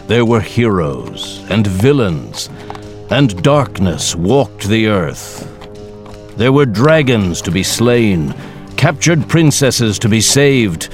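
A man playing a stately storybook narrator in a fantasy audio drama, grand and deliberate. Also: on the low side.

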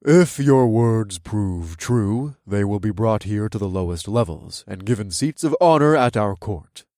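A man voicing the stern, guarded male leader of the mole people, speaking slowly and formally. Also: fairly low pitch, expressive, darkish tone, no echo, studio quality, pitched below the performer's own voice. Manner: slow, measured and formal.

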